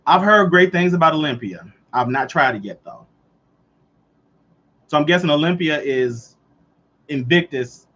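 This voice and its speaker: This late-thirties livestream host talks loosely through a casual chat, responding to viewers along the way, at a measured pace with long pauses. His fairly high voice has a slightly bright quality, heard through dull lo-fi audio.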